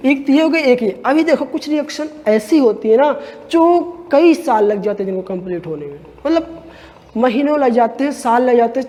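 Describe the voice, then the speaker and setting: A man teaching a chemistry lecture to students. He asks rhetorical questions, answers them himself, and drags out key terms slowly. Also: very high-pitched, a little mellow. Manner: calls listeners 'bhaiya'. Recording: long hall reverb.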